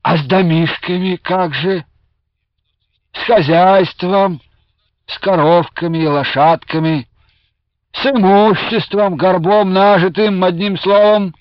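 A man reading aloud, doing an old Cossack with a high, squealing, obsequious voice that bows and scrapes as it complains. The sound is dull and lo-fi like an old radio broadcast, with a dry, close feel. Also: slow, dry recording. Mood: fawning complaint. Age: older.

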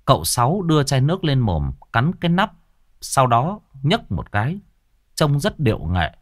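Lively-voiced ghost story narrator. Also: male voice, mid-range voice, moderate pace, no echo, studio quality. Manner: colloquial, earthy, expressive.

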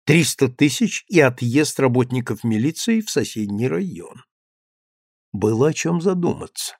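A man reading a novel as an audiobook narrator, in measured, deliberate storytelling phrases with a dramatic touch. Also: mid-range voice, sing-song, darkish tone, no echo, studio quality.

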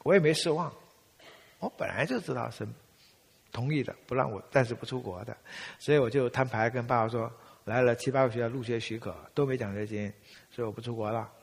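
A man, telling a personal story in a church talk and acting out family dialogue with a husky voice. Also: mid-range voice, brisk. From Taiwan. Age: 70s. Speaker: speaker giving a testimony. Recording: long reverb of a large hall.

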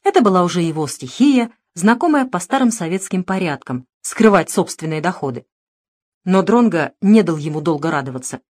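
A woman reading a novel aloud in an even, steady audiobook narration. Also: on the low side, moderate pace.

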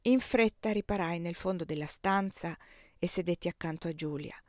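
A woman narrating a novel in the first person as an audiobook reader, in a steady, even reading voice. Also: fairly low pitch, normal speed, no echo, studio quality.

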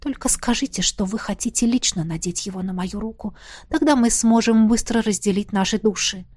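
A woman voicing a gentle fairy queen's spirit speaking in a soft whisper. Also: mid-range voice, brisk, lightly acted. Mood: hushed.

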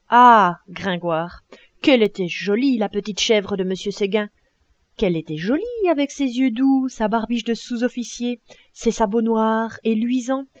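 A woman narrating an audiobook tale in an expressive storytelling manner with many exclamations. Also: fairly high pitch, no room sound, highs cut off. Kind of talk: storybook reading.

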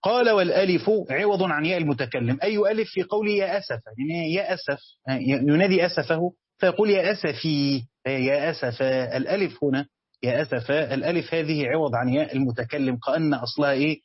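A man's voice: fairly high pitch, quick pace, husky, dry recording, muffled recording. A man with an Egyptian accent teaching commentary on a religious text, reading passages and then explaining them in colloquial speech with frequent hesitations. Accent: Egyptian Arabic.

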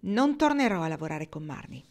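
A woman's voice: lowish voice, very animated, a little fast. A woman reading as a strong-willed young pianist. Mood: upset. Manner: pleading, sharp outbursts.

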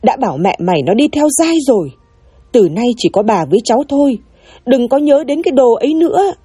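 A stern old grandmother snapping harsh words, as a woman puts her on. Her voice is husky and mellow, with lively swings in pitch. It sounds like a dry audiobook reading. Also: moderate pace, dry recording. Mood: scolding. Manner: harsh, scolding.

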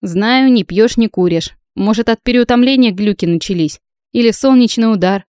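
A woman reading an audiobook, voicing a brash, teasing young female friend who talks loud and breezy. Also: on the high side, normal speed, clean tone, dry recording, clean studio sound, pitched above the performer's own voice, natural voice.

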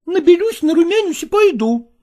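A woman's voice: extremely high pitch, lively intonation, moderate pace, dark tone. A woman reading a story aloud, voicing a petulant, insistent unmarried elder daughter. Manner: whiny, insistent.

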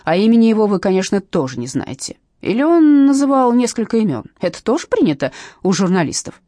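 A woman's voice: mid-range voice, very animated, a little fast, mellow, dry recording, clean studio sound, voice pushed up, lightly acted. A woman reading a curt, barking police captain. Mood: stern. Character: stern sarcastic female police captain, barking orders.

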